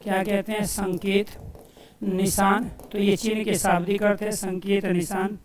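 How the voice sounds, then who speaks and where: A male coaching teacher giving a Hindi grammar lesson for exam students, asking questions and answering them himself and repeating key phrases slowly as if dictating. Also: sits high, little pitch movement, reverberant, distant mic. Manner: addresses listeners as dear friends.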